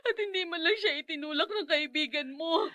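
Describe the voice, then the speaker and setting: A betrayed young wife sobs through every line in this radio drama. Her voice sits very high and tearful, recorded dry and close. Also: slow pace, gravelly, fairly bright tone, dry recording, heavily acted. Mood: weeping. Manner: sobbing, tearful outbursts.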